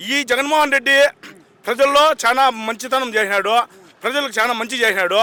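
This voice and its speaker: High-voiced, fast, indignant man. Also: bright, forceful tone. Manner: indignant, repetitive ranting. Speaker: member of the public. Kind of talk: heated street interview.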